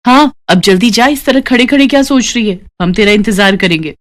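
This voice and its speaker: A woman's voice: a little high, brisk, lightly acted. A woman voicing scheming female gambling friends in a cartoon story, coaxing and cajoling.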